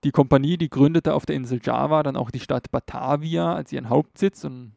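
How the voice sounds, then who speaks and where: In a casual educational talk, a man explains a topic in a relaxed way, frequently pausing on fillers and correcting himself. His mid-range voice is dark and gravelly, captured dry and close to the mic.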